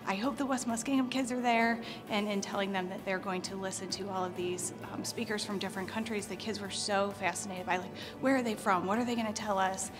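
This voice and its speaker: A woman's voice: mid-range voice, fairly even intonation, a little fast, few pauses, over music. Enthusiastic woman teacher, interviewed. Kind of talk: video interview. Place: classroom.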